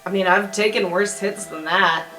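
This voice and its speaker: Bright, easygoing player at the table. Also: female voice, mid-range voice, fairly even intonation, normal speed, soft background music, low-quality recording. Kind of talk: tabletop game play.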